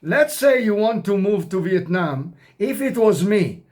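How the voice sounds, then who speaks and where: Slow-talking older male expat vlogger. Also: sits high, sing-song, darkish tone. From outside America. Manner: rambling, direct advice in non-native grammar. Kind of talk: casual talk to camera. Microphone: camera mic.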